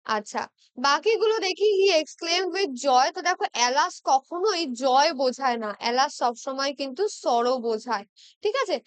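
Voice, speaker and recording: Woman tutor, Bengali accent, high voice, dry close sound, patient, spells English sentences out slowly. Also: animated, dry recording. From West Bengal, India. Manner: patient, checks in with "ঠিক আছে?" constantly. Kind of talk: exam-prep lesson.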